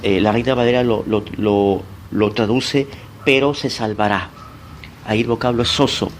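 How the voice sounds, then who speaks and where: A man preaching as a pastor in a Bible teaching sermon. He talks deliberately, asks and answers his own questions, addresses listeners directly and spells out Greek words letter by letter. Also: lowish voice, fairly even intonation, a little hiss or hum, rough recording.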